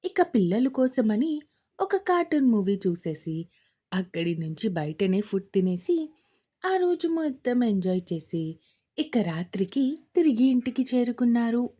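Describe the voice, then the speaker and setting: A woman narrating a romance story episode in a steady storytelling manner. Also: on the high side, a little slow.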